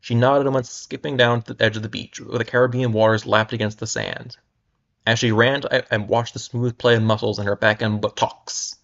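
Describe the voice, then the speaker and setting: A man's voice: medium pitch, little pitch movement, fairly quick, vocal fry, a bit bright. A young man reads a pulp novel aloud for a livestream audience, breaking off for wry, amused asides and tripping over words. His voice sits in an ordinary middle register, and the sound is dull and lo-fi, like a home stream. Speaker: livestream reader. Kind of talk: casual dramatic reading with mocking asides.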